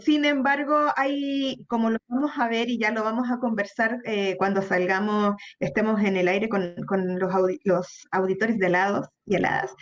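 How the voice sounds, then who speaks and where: A woman's voice: a little high, dull audio. A Chilean woman psychologist speaking as a radio guest, explaining earnestly and candidly. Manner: earnest, explanatory, candid about own fears. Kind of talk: conversational interview.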